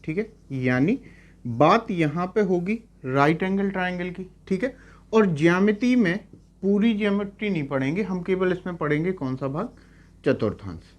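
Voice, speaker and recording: A man's voice: high voice, expressive, moderate pace. Male math teacher explaining step by step. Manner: explains step by step, asks "clear?" to check understanding. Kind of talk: classroom lecture on trigonometry.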